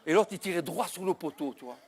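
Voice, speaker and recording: Man, stand-up comedian, rambling storyteller, fairly high voice, chatty asides, live small stage. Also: quick pace, creaky, a little mellow, a faint crowd, a little hiss or hum. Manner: chatty, with frequent "tu vois" asides and crude exclamations. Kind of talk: comic storytelling monologue.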